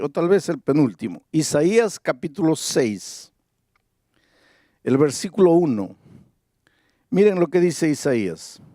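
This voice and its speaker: A man preaching a sermon, reading scripture aloud and posing rhetorical questions in a slow, deliberate manner. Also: on the high side, a little mellow, no room sound, clean studio sound. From Peru. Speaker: pastor. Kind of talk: evangelistic sermon. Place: large evangelistic campaign venue.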